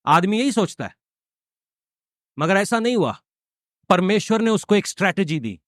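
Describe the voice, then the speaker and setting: A man preaching a sermon as pastor, questioning his congregation in call-and-response and building to drawn-out, fervent cries. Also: sits high, big pitch swings, no room sound, studio quality.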